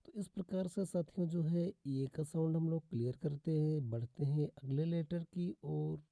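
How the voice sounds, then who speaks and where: A man's voice: on the high side, vocal fry, mellow, dry recording. A man teaching English pronunciation in Hindi, repeating rules and drawing out example words. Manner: slow, repetitive teaching with drawn-out example words; addresses viewers as "friends" repeatedly. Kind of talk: Hindi-language phonics lesson.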